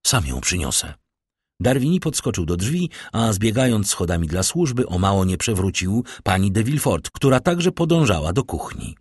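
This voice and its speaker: Male narrator with a husky voice and a dry, close sound, reading dramatically. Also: fairly low pitch, normal speed, hardly any pauses, dry recording. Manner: animated, theatrical delivery. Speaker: audiobook narrator.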